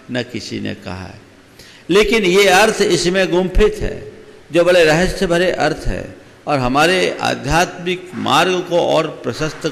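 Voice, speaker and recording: A man preaching in a slow, measured way, his voice gravelly at the edges. He explains carefully and checks that his listeners follow. A long reverb hangs behind him, as in a big hall. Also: medium pitch, a bit bright. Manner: slow, deliberate teaching with questions to the audience. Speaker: Jain monk giving a discourse. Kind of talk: sermon.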